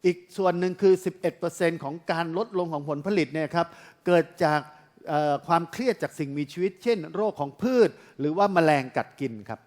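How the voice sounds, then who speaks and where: A man works as the interpreter at a training session, relaying each sentence quickly. He speaks politely and often adds courteous particles at the end of sentences. His voice sits a little high for a man. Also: darkish tone. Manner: brisk and polite, with frequent polite sentence-ending particles. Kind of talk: consecutive interpreting in a lecture.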